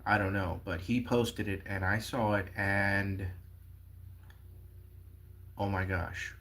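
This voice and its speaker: A man hosting a casual livestream, talking in an excitable, rambling way with many fillers. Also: fairly low pitch, slow pace. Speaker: livestream host. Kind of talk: casual livestream chat about prophecy.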